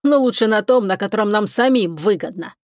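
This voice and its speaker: A woman's voice: medium pitch, brisk, darkish tone, no room sound, clean studio sound, lightly acted. A woman voicing a blunt, grumbling, superstitious male crewman on a starship in an audiobook. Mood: gruff.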